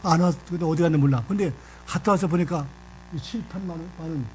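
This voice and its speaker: An older man preaching a sermon in a church, telling a story in a lively, folksy way. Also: on the high side, fast, soft background music. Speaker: pastor.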